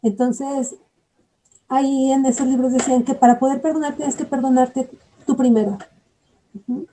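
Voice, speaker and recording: A woman's voice: high voice, steady tone, normal speed, mellow, slight background noise, poor audio. A woman giving an earnest, reflective personal testimony, often repeating herself as she searches for words. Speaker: bereaved mother giving testimony.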